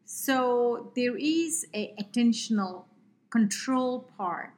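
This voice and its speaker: A woman speaking with an Indian accent, taking her time as she explains things as the guest expert in an interview. She fills pauses with many "um"s and "you know"s and restarts her sentences, in a mid-pitched, even voice.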